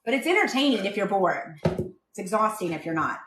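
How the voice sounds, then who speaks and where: A woman's voice: medium pitch, very animated, brisk, roomy sound, far from the mic, background noise. A woman hosting a live cooking stream from her kitchen, chatting casually and rambling from one tangent to the next. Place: home kitchen.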